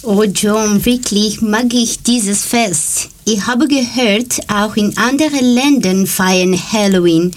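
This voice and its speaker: Casting note: Greek woman, a learner reading a presentation, unhurried and deliberate delivery. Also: mid-range voice. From Greece. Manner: slow, careful learner's German. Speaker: student presenter. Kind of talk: read-aloud presentation.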